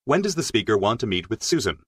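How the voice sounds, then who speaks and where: A man reading scripted exam narration as a test narrator, in a formal, measured way. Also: fairly low pitch, big pitch swings, breathy edge, no room sound, studio quality.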